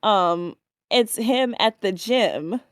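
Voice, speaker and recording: A woman chats loosely about a game demo, stumbling through fillers and restarts. Her voice is smooth and resonant, recorded close and dry with no room sound, at an ordinary middle pitch. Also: expressive, takes it slowly, no room sound. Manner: chatty, many fillers and restarts, acts out quoted lines. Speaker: podcast co-host. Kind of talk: casual chat recapping a game demo.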